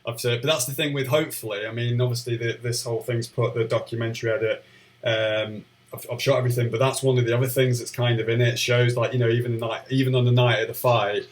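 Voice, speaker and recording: A man's voice: mid-range voice, fairly even intonation, fast. A man hosting a podcast, asking questions in a casual chat with many hesitant restarts. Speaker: podcast host.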